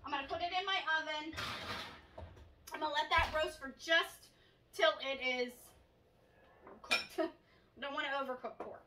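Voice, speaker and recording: A woman in her thirties runs a casual home cooking show, cheerfully chatting through every step. Her high voice holds a steady tone at a moderate pace, with frequent pauses and a noisy background. Recorded from a distance by a camera across the kitchen counter, the room echoes.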